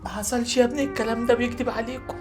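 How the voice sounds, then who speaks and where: A man's voice: very high voice, fairly even intonation, racing. An actor playing a poor, humble Egyptian father who collects old clothes, speaking meekly and apologetically, with music playing behind. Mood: tearful. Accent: Egyptian Arabic. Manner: meek, pleading, apologetic. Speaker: father of Mahmoud.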